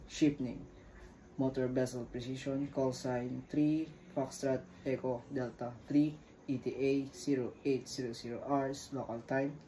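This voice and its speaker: A man's voice: medium pitch, mellow, slight background noise, low-quality recording. A man speaking as a ship's radio operator in a scripted maritime procedure call, in formal clipped phrases with numbers read digit by digit. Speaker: ship radio operator calling vessel traffic service.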